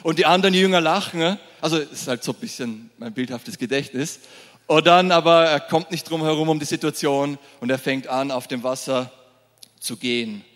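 Lively preacher in a hall. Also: male voice, fairly high pitch, brisk. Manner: lively, laughs often, acts out scenes. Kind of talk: sermon. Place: church hall. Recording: reverberant hall.

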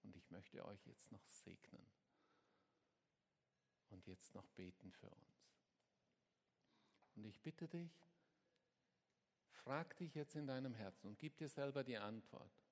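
A man preaching a sermon as a pastor, swinging between hushed words and sudden shouts to his congregation. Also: lowish voice, expressive, slow, pauses often, long reverb tail. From Switzerland.

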